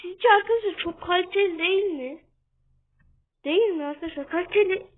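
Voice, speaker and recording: A young-sounding woman giving casual gameplay commentary for her channel, half-shouting and keeping up a running chat with her viewers. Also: extremely high pitch, fairly quick. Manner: talks a bit loudly on purpose, keeps calling out to viewers. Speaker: gaming channel host. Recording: tinny phone-like sound.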